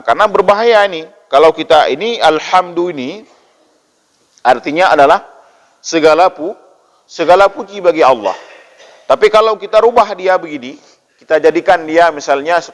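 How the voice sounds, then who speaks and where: A man from Indonesia teaching Quran pronunciation in a patient lesson, repeating letter sounds over and over and chanting verses slowly for listeners to copy. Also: a little high. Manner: chants Quranic phrases in drawn-out recitation. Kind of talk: slow tajwid lesson with call-and-repeat drills. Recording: long hall reverb.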